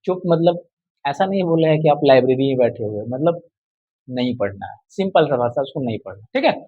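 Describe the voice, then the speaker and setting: Man teacher, call-and-response drilling, mid pitch, slightly dull lo-fi sound. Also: lively intonation, fairly quick, breathy edge. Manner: repeats questions and answers in call-and-response drills. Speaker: English teacher. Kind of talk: classroom lesson.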